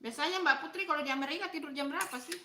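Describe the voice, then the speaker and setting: A middle-aged woman with a Makassar Indonesian accent eats while chatting casually on a live stream, asking viewers questions and replying to their comments. Her voice sits high and races along with a bright, forceful tone. The sound is reverberant, with a faint hiss or hum.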